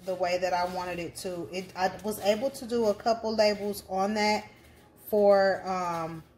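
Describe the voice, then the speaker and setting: An upbeat woman talks through an unboxing in a relaxed, unhurried way, chatty and full of slang. Her voice sits at an everyday middle pitch. A faint hiss of background noise runs under the recording. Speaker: crafting channel host. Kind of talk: casual unboxing vlog.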